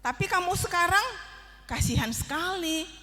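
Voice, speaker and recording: Gentle kind butterfly voiced by a woman, high exclaiming storybook voice, echoing hall. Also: lively intonation, normal speed, full character voice.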